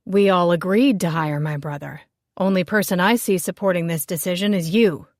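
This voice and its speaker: Narrator doing a feisty female chef, sharp, emphatic, lifted pitch. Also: moderate pace, dry recording, clean studio sound, lightly acted. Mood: defiant. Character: petite fiery female chef, bossy and teasing.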